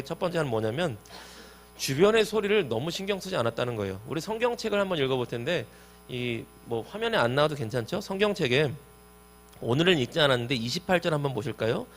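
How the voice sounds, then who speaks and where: A man giving a youth sermon as pastor, talking directly to his listeners in a lively way. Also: fairly high pitch, slight background noise.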